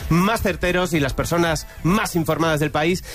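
A man hosting a comedy radio quiz show, wry and dry in his jokes, presenting briskly. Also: on the high side, fairly bright tone, faint music behind. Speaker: quiz host.

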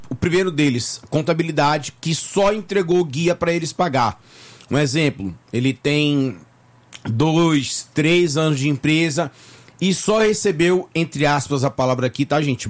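A man from Bahia, Brazil, talking as a tax lawyer guest on a radio morning show, chatty and full of fillers and repeats. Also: a little high. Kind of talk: casual radio interview. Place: radio studio.

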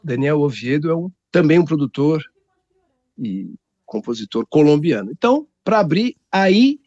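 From his home studio, a Brazilian radio host introduces songs with casual banter and jokes, his pitch swinging lively and his accent Brazilian Portuguese. He speaks at normal speed, and the audio is dry and dull.

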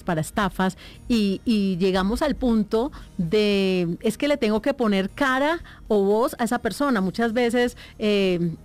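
A woman's voice: medium pitch, a little mellow. Woman co-host asking conversational questions. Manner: conversational, builds up with examples. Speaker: interviewer, co-host. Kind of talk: interview questions.

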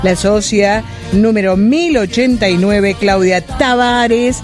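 A woman's voice: medium pitch, slow pace. Brief: Argentine woman, late-night radio host, chatty and reassuring, faint music underneath. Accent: Argentine Spanish. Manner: chatty, warm-hearted and reassuring with listeners. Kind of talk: late-night radio show with listener prizes.

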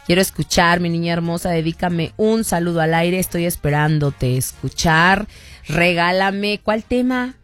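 A woman's voice: lowish voice, measured pace. A Mexican woman hosting a radio show, chatting easily and reading listeners' messages aloud. Her talk stays casual and conversational. Faint music plays behind her. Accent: Mexican Spanish. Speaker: radio host.

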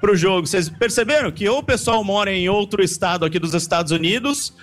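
A man with a Brazilian Portuguese accent, reporting live outside a stadium and asking fans quick, chatty questions. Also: high voice, fairly bright tone. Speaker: field reporter. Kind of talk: live street interviews.

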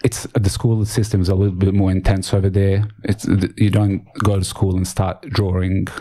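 A man from Bosnia recounts his background as a radio interview guest. His voice sits low with a soft, mellow tone. He speaks haltingly, often restarting and repeating words. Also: little pitch movement. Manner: halting, repeats words while searching for them. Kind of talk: personal life story in a radio interview.

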